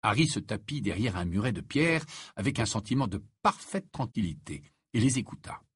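A man narrating an audiobook in an expressive storytelling manner with a husky voice. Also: fairly low pitch, brisk, dry recording, clean studio sound. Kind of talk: scripted narration.

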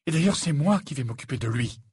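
A man's voice: lowish voice, fairly quick, slightly rough, no echo, clean studio sound. Fleur, a man voicing a proud imperious young woman. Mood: fierce. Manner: sharp imperious delivery.

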